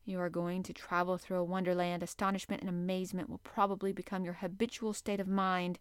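A stern, proud sea captain, voiced by a woman reading a novel aloud speaks with cold, measured force. The voice is smooth and resonant, heard in a dry, close recording. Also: on the low side, level tone, no room sound, close to an everyday voice. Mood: grand.

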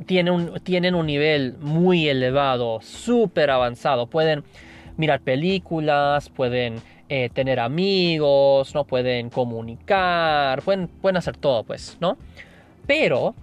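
Man, non-native speaker, English first language, slightly higher pitch, casual thinking-aloud monologue full of restarts. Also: measured pace, clean tone, highs cut off. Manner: thinking aloud, frequent restarts and tag questions. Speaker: language learner sharing tips.

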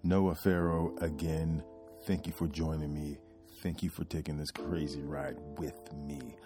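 A man hosting his podcast in a casual, reflective monologue, pausing often with ums and restarting sentences. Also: a bass voice, fairly even intonation, over music. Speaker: podcast host.

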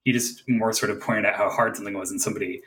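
A man's voice: lowish voice, fairly even intonation, racing, fairly bright tone. A man in casual podcast chat about a tabletop game, explaining his character's story at length.

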